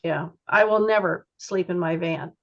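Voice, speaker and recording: Relaxed woman chatting on a zoom call, muffled dull sound. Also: fairly low pitch, moderate pace. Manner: easygoing, laughs often. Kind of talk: casual chat. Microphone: video call. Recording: dull lo-fi video call audio.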